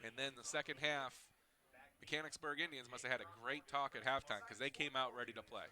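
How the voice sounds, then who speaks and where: A man giving color commentary on a high school football game, chatty and analytical, with easy laughs. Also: fairly even intonation, brisk, pushed and bright.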